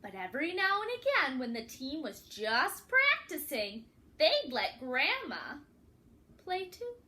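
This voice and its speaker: The woman's voice is high with big pitch swings, a sharp tone, and a measured pace. She's a children's storyteller reading a picture book aloud, bringing dramatic emphasis and expressiveness and putting questions to the young listeners.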